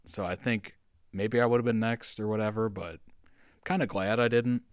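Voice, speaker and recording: A man's voice: on the low side, fairly even intonation, normal speed, smooth, no room sound, clean studio sound. A man giving casual, chatty commentary as the host of a reaction video.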